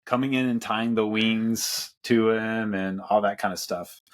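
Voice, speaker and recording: Very low-pitched male podcast host, loose rambling film chat. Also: fairly even intonation, measured pace. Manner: rambling, many fillers and restarts. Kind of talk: casual film discussion.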